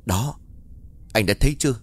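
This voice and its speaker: A man's voice: medium pitch, expressive, husky, faint music behind. A man voicing a greedy young wife who nags her husband in a raised, reproachful voice. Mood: scolding. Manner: nagging, reproachful, fast and raised.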